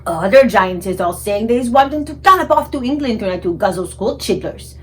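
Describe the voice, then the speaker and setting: A woman voicing a greedy, bullying male giant who eats people, booming and blustering in a children's storybook reading. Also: lively intonation, brisk, a little hiss or hum, close to an everyday voice. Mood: gloating. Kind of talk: children's storybook read-aloud.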